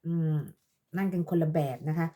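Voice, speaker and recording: A woman's voice: on the low side, steady tone, normal speed, dark tone. A woman from Lopburi, talking casually on her vlog and scolding her critic in a sarcastic, mock-motherly way, with polite particles at the end of every phrase. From Thailand, Lopburi. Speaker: vlogger addressing her viewers. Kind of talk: casual live-stream monologue.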